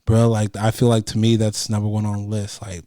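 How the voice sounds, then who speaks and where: A man hosting a casual chat show, talking like a frat bro in slangy bro talk with drawn-out emphasis. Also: fairly low pitch, completely flat delivery, dark tone, no echo, studio quality.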